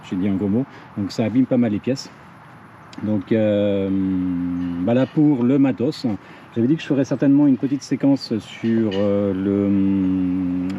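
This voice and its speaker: A man's voice: on the low side, mellow. A man doing a casual, hesitant walkthrough of his bike gear for his channel, with many fillers and self-corrections. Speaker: cycling vlogger. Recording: dull lo-fi audio with faint ambient noise.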